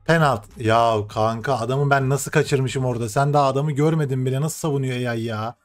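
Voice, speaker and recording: A young man commentating his own football video game matches, excitable and swearing, shouting at the game and then muttering to himself. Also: mid-range voice, a little fast, soft background music. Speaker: gaming streamer.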